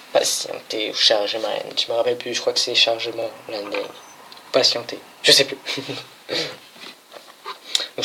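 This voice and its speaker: A man of medium pitch chats casually through a let's-play, filling gaps with hesitant pauses and fumbling through English on-screen text. A clear hiss of noise sits under his voice throughout the recording. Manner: hesitant, lots of filler pauses, stumbles reading English. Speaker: gaming channel host. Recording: noisy home recording.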